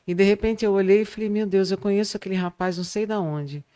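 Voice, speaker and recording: A woman's voice: medium pitch, quick pace. Woman, Brazilian accent, middle-aged, oratory teacher, storyteller, podcast interview. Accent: Brazilian Portuguese. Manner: animated storyteller, acts out quoted students. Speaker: public speaking teacher.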